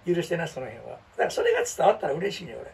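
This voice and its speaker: Lively Kansai man with a gravelly voice. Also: fairly high pitch, racing, distant mic. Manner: chatty, animated, self-mocking. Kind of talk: casual chat.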